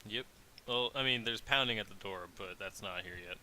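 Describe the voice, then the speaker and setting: A man narrating as dungeon master in a tabletop game, talking in a relaxed, rambling way with many fillers. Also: fairly low pitch, moderate pace, low-quality recording. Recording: faint hiss.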